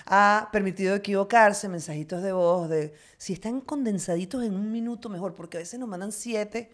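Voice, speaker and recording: A woman with a Venezuelan accent, co-hosting a podcast with playful, joking chat. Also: mid-range voice. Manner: playful, laughing, quick asides. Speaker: podcast co-host.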